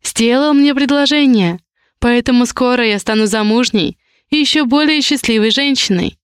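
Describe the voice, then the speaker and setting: A woman reading an audiobook plays a bubbly, exclaiming female pastry shop owner who gushes over every guest. Her voice lifts higher and brighter than the narration, smooth and clear. The sound is close and dry. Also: no room sound, natural voice. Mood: gushing. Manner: bubbly, exclaiming, drawn-out gushing. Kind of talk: audiobook character voice.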